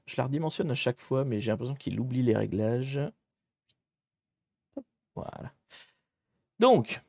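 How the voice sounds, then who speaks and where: Low-ish and darkish in tone, this man's voice comes through a dry, clean studio recording. He's a livestreamer doing a hacking challenge, rambling casually and frequently correcting what he's saying halfway through.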